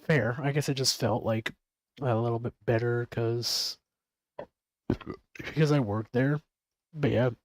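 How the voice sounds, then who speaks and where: A man's voice: medium pitch, fairly even intonation, measured pace, pauses often, no room sound, low-quality recording. A man chatting casually on a stream, rambling and swearing freely with frequent laughs. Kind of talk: casual chat.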